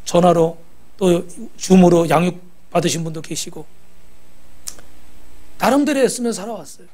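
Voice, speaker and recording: A man's voice: high voice, expressive, moderate pace, mellow. A pastor preaching a sermon. He exhorts the congregation, asks them rhetorical questions and has them repeat after him.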